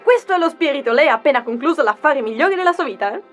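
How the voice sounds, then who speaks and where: A woman's voice: high-pitched, lively intonation, fast, soft background music. A woman playing an overbearing car saleswoman, with theatrical sales patter and constant tag questions. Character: pushy fast-talking female car dealer. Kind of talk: comic audio sketch.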